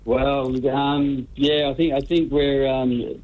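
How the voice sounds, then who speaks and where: A man's voice: mid-range voice, little pitch movement, slow pace, darkish tone. A man giving casual, hesitant interview answers as a radio guest, repeating words as he goes. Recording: dull, band-limited radio call-in.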